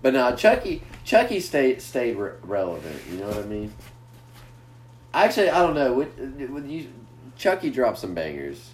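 A man's voice: medium pitch, wildly swooping pitch, normal speed. A man hosting a casual podcast, rambling crudely and swearing a lot. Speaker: podcast host. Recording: echoey room with faint noise.

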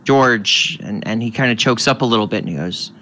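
Bright-voiced man running a tabletop game. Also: medium pitch, brisk, slight background noise, low-quality recording. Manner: explanatory, casual. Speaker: game master.

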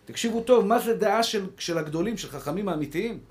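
High-voiced impassioned preaching man. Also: animated. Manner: impassioned, repeats phrases for emphasis; addresses listeners as brothers. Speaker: rabbi. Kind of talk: Torah sermon to a congregation.

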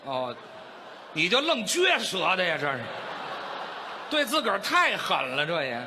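A man playing the supporting part in crosstalk comedy, answering with short interjections and quick retorts. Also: high-pitched, huge pitch swings. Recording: audible background noise.

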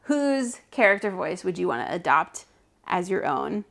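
This podcast co-host, a woman, sounds very animated and creaky as she discusses character voices in tabletop games. Her pitch is on the low side and her tone fairly bright, at a moderate pace, and she stays chatty and thoughtful, laughing easily.

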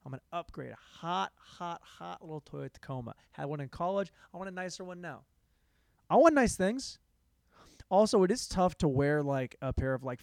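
A young man hosting a solo comedy podcast, rambling in a sarcastic, self-mocking way, jumping between loud bursts and mumbled asides. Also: mid-range voice, gravelly, dry recording. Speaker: podcast host.

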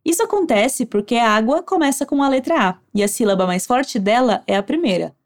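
An expressive woman with a higher voice and a Brazilian Portuguese accent leads Spanish repeat drills, speaking phrases slowly for the listener to echo. Her instructions are clear and encouraging.

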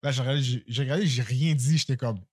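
Loud, slangy young man telling a story. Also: mid-range voice, quick pace, slightly rough, dry recording, clean studio sound. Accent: Quebec French. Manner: animated storyteller, slangy, mixes English in; loud-spoken. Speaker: podcast co-host. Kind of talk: casual chat.

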